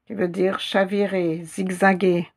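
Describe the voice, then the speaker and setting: A woman teaching an Arabic reading lesson in French, patiently repeating each syllable and word slowly for learners. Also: lowish voice, flat delivery. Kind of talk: slow spelled-out reading lesson.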